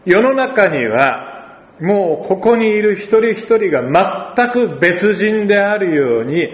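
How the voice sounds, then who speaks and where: Pastor with an Oita lilt, echoey hall. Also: male voice, high voice, big pitch swings, slow pace, lo-fi sound. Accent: Oita Japanese. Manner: conversational, with dialect asides and gentle humor. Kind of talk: sermon.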